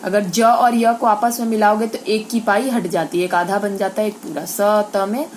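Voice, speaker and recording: A woman's voice: medium pitch, steady tone, normal speed, a little hiss or hum. A woman teaching a Hindi grammar lesson to schoolchildren, explaining step by step and asking and answering her own questions.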